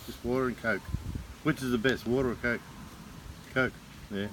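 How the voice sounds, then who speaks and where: Australian man, off-camera challenge host, casual needling banter at middle pitch, noisy backyard phone audio. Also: fairly even intonation, normal speed. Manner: teasing. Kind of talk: casual chat. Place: outdoors in a backyard garden. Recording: noisy outdoor phone recording.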